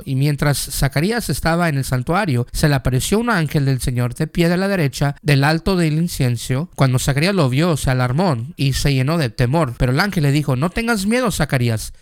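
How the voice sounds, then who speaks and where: A man's voice: mid-range voice, clean tone, no echo, studio quality. A male pastor giving a conversational sermon, asking the listeners questions and telling personal stories.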